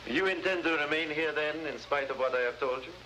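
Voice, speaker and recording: In a supporting role in a 1950s spy drama, a male actor plays a grave, formal Latin American head of government, delivering his lines in a measured, cautious way. His voice is fairly high, bright, and forceful, and the mood is grave and wary. The vintage 1950s broadcast recording is noisy.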